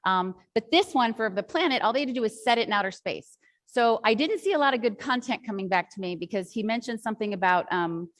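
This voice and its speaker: A woman teacher trainer with a mid-range, fairly bright voice gives a workshop talk to fellow teachers. She tells a classroom story in a chatty, rambling way, full of asides.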